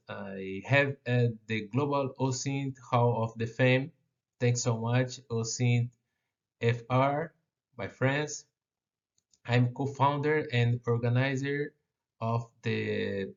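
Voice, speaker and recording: Presenting at a conference, a Brazilian speaker talks slowly in a gravelly, medium-pitched voice. His English is halting and non-native, shaped by a Brazilian Portuguese accent and full of fillers and restarts, and the recording sounds muffled.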